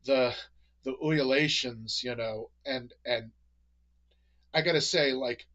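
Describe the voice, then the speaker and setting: Bright rambling man, fillers galore. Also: mid-range voice, slow, lo-fi sound. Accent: New England American. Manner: rambling, many fillers and restarts. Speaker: podcast host. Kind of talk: casual chat.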